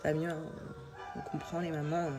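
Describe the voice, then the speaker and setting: Young mum vlogger, female, low register, blocked nose and sore throat, loose colloquial delivery. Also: little pitch movement, brisk. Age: young adult. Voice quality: congested, nasal, sore-throated. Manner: informal, colloquial, hesitant. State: coming down with a cold, sore throat. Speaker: mother vlogging about family life. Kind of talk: casual chat to followers.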